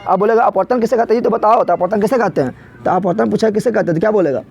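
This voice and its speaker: Fast, high-voiced man drilling a physics class. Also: creaky, a little mellow. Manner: call-and-response drilling, repeats each answer; rustic colloquial Hindi with village comparisons. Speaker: physics teacher. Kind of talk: classroom revision lecture. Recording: dull lo-fi recording.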